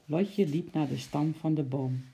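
A narrator reading a children's story aloud in a calm, even manner. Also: mid-range voice, unhurried. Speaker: audiobook narrator.

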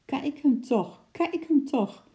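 Woman voicing a loud boisterous sailor. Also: medium pitch, expressive, normal speed, voice pushed up, close to an everyday voice. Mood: laughing. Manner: loud, exclaiming.

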